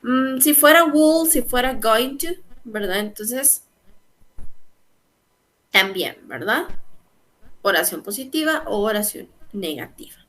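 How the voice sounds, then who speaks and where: A woman's voice: fairly high pitch, animated, slow, long pauses, a bit bright. A young woman teaching an English grammar lesson, explaining patiently step by step and often checking in with her students.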